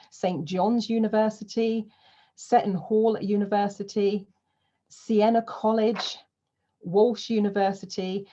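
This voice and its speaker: A woman host reading a measured introduction of a guest speaker. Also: mid-range voice, mellow. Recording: dull lo-fi sound.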